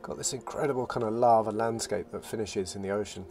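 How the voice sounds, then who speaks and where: Relaxed male vlog narrator. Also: fairly low pitch, fast talker. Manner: relaxed, reflective, with restarts. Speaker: sailing vlogger. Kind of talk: voice-over narration. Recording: voice-over with loud music behind.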